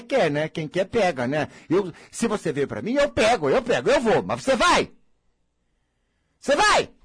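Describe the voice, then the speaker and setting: A Brazilian man with a husky, breathy voice talks as a blunt counselor. He lectures in a theatrical, scolding way, with a pitch that sits high and swings widely, and he now and then mocks whiny voices. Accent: Brazilian Portuguese. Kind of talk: blunt motivational monologue.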